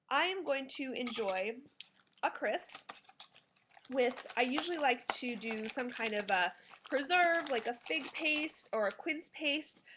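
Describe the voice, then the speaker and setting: A woman's voice: sits high, noisy background. A woman in her thirties giving a casual, enthusiastic food review to camera at home as a food blogger. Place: small living room at home, indoors.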